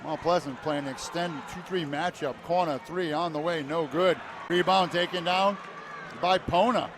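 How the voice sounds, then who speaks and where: A man calling a high school basketball game play by play in short clipped phrases, rising to shouts on big plays. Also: normal speed. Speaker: play-by-play announcer. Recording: loud crowd and arena noise. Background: cheering crowd, bouncing basketball.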